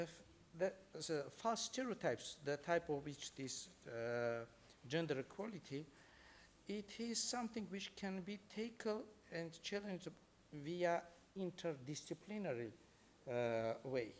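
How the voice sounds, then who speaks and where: An Armenian-accented man with a somewhat high voice speaks earnestly at a conference, his phrasing halting and searching. He moderates a panel of judges. Faint room noise sits behind him. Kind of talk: conference speech.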